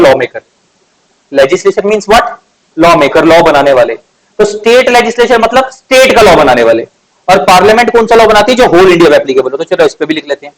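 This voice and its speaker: High-pitched guy in his 20s teaching law, casual, asks the class stuff a lot. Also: low-quality recording. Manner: conversational, asks rhetorical questions, stretches key words. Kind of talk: classroom lecture.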